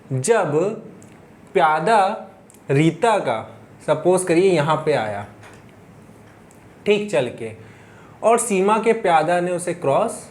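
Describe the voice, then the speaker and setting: A male physics teacher telling a classroom story, often checking in with his students and asking and answering his own questions. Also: fairly high pitch. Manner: storytelling with frequent check-ins like "ठीक है". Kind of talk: classroom lecture explaining by story.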